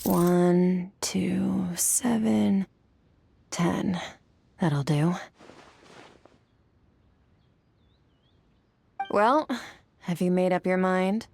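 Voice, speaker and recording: A low female voice for an aloof, powerful warrior master. The delivery is solemn, blunt and detached, in the style of a game drama. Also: drawn-out words, vocal fry, a little mellow, a little hiss or hum, heavily acted. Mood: curt. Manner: terse, cool, detached, solemn. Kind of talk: video game character acting.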